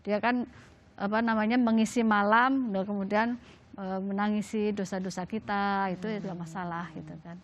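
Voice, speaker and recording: A woman's voice: medium pitch, steady tone, normal speed, lo-fi sound, a little hiss or hum. A middle-aged woman, a religious teacher answering questions on a talk show, chatty and laughing often between many fillers. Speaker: Islamic religious teacher, guest.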